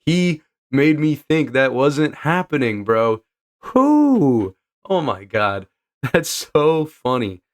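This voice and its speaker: A young man reading a comic aloud to his viewers in a loose, slangy, unhurried way. His pitch sits in the middle, and he laughs off the twists as they come. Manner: laid-back, slangy, laughs at the story. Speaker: comic reader. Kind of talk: casual read-along with reactions.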